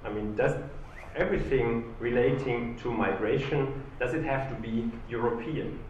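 A man's voice: medium pitch, moderate pace, a little hiss or hum. A man on a panel giving his view, hesitant and full of fillers. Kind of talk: panel discussion answer. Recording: echoey room, dull distant mic.

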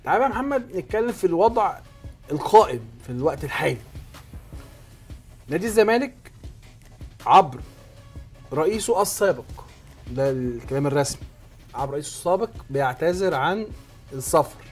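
Fast-talking Egyptian sports show host. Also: male voice, on the high side, expressive, husky, soft background music. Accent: Egyptian Arabic. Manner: emphatic, explaining step by step. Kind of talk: sports talk show discussion.

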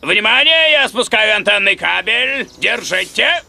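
A bossy cartoon father with a very bright, lively voice that leaps up and down in pitch. He insists on doing everything himself and barks orders excitably. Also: moderate pace, a little hiss or hum, exaggerated voice. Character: fussy, proud suburban father fixing the antenna. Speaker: dub voice actor. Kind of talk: cartoon dub acting.

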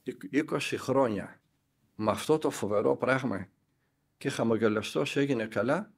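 An older man, an elder monk, tells a spiritual story and acts out the dialogue with lively emphasis. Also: medium pitch, creaky, slightly rough.

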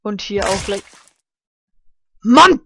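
A man commenting casually on a game he is playing, shouting and swearing when he fails and muttering quietly to calm himself down. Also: high-pitched, a little slow, slight background noise. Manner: excitable, yelps and shouts at failures, swears. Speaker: let's play gamer.

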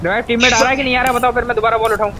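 A quick, high-voiced man fires off urgent callouts to his squad during a shooter match. Game sounds and vehicles roar loudly behind him. He talks in a hurried, restless rush. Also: fairly even intonation, a little hiss or hum. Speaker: gamer on voice chat. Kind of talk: casual gaming banter.

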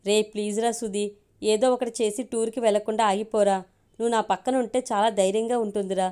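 A woman's voice: medium pitch, steady tone, a little fast, mellow, smooth, lightly acted. A woman voicing an anxious young man pleading with his best friend, in a storybook reading.

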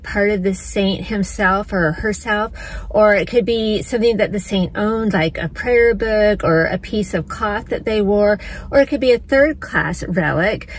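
A woman's voice: mid-range voice, slight background noise, low-quality recording. A middle-aged woman talking casually and eagerly to her phone camera from a parked car, vlogging. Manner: enthusiastic, chatty. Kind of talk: casual travel vlog talk. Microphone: phone at arm's length.

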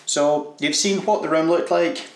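A man's voice: on the high side, fairly even intonation, a little slow, reverberant. A man closing his home vlog in a casual, sarcastic, self-deprecating way, swearing freely. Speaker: vlogger. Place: home games room indoors.

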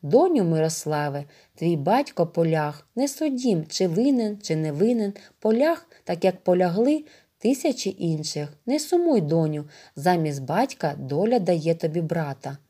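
Woman doing a dying old elder: soft, solemn, low and mellow. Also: big pitch swings, a little slow, husky, heavily acted. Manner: weak, quiet, solemn speech. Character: dying old male village elder, calm and wise.

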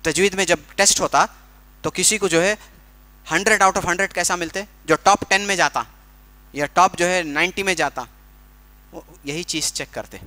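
A man teaching Quran recitation in a workshop, explaining pronunciation patiently with everyday comparisons and slow, drawn-out demonstrations. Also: sits high, sharp tone.

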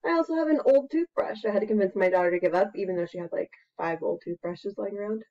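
An American woman around forty, somewhere in her 30s to 40s, plays a preschool teacher demonstrating an activity in casual instructional chat to camera. She's playful and expressive, full of exclamations and sound words, speaking quickly in a mid-range voice. She records in a small plain room at home on a computer webcam mic about arm's length away, so the sound is dull and lo-fi.

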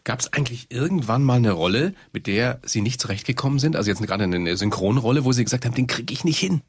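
A man's voice: mid-range voice, expressive, fast, slightly rough, no echo, clean studio sound. A man interviewing a guest, asking probing questions and prompting with short replies.

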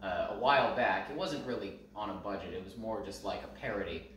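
A man's voice: fairly low pitch, a little fast, fairly bright tone, slight background noise. A man giving playful, mock-boastful opinions in a casual chat as co-host. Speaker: co-host and cameraman. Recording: very echoey room, far from the mic.

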